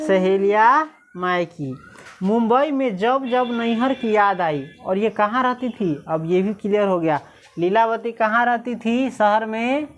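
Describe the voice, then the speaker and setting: A woman's voice: on the high side, slow pace. Woman teacher quizzing her class. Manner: asks the class questions and answers them herself, slips into village dialect. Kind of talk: class lesson explaining a story.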